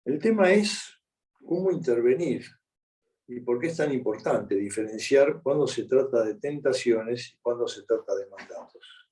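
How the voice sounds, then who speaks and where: A man's voice: medium pitch, animated, measured pace, dark tone. A man with a Rioplatense Spanish accent giving a conversational conference lecture, often checking in with his audience. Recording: voice picked up from a distance.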